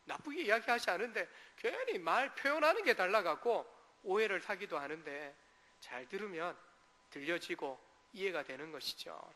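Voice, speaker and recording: A man's voice: high voice, bright, forceful tone, in a large hall. A male pastor delivering a sermon, asking the congregation rhetorical questions and briefly acting out dialect quotes. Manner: acts out short dialect quotes. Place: church sanctuary.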